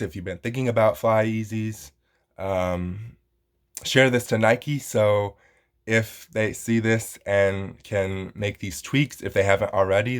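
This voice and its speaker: Rambling, friendly man vlogging a review. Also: lowish voice. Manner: rambling, frequent ums and you-knows; friendly, speaks straight to viewers. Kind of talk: casual product review vlog.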